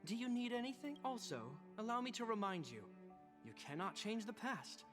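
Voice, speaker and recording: A woman's voice: a little high, big pitch swings, normal speed. A woman voicing a polite, formal, cryptic hotel attendant in a video game. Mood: formal, warning. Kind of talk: English video game voice acting. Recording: long reverberant hall, music behind.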